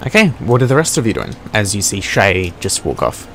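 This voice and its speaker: Low-voiced man running a tabletop game. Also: wildly swooping pitch, a little fast, fairly bright tone, faint music behind. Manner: describes scenes and calls for dice rolls. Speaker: game master.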